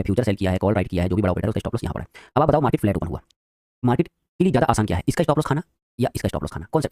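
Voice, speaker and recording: A man teaching a live trading lesson, quizzing his viewers and talking very quickly. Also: mid-range voice, darkish tone, no echo, studio quality.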